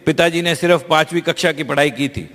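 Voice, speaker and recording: High-voiced male interpreter in a hall. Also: fairly quick, a bit bright. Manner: fluent, conversational, with small restarts. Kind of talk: live consecutive interpreting. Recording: long hall reverb.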